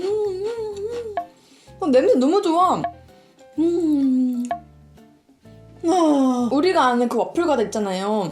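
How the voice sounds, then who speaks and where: A woman hosting a casual snack-tasting chat for viewers, exclamatory, with playful sound words and drawn-out reactions. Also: high-pitched, darkish tone. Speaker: mukbang host.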